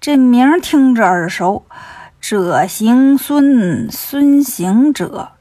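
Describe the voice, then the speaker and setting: A woman doing a gruff, scheming demon king. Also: fairly high pitch, lively intonation, normal speed, a little mellow, no room sound. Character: boastful male demon king.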